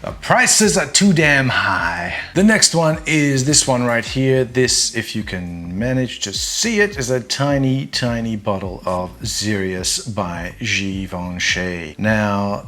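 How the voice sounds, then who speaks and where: A man's voice: medium pitch, a bit bright. A man hosting a casual fragrance review video, chatty and wry, with self-deprecating humor.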